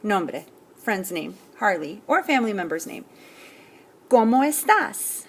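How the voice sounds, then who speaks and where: A woman teacher slowly explaining an assignment to students step by step, often checking in with "okay?". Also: mid-range voice, animated, slight background noise. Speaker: Spanish teacher. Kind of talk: recorded classroom lesson.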